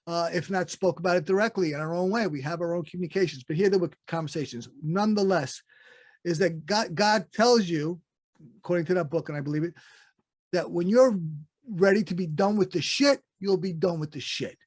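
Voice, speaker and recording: Higher-pitched male podcast host, dry sound. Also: fairly quick, dry recording. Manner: candid, laughs while telling stories. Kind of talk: casual interview conversation. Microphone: video call.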